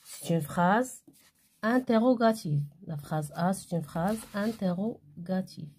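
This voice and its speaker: A woman giving a primary school grammar lesson, reading exercises aloud and answering them one by one in a deliberate way. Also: mid-range voice, darkish tone, slight background noise.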